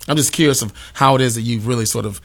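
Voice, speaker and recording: A man at a middle pitch hosts an interview. He asks long, winding questions, halting and repeating words as he goes. He keeps a conversational tone. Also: fairly bright tone, slight background noise. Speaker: interview host.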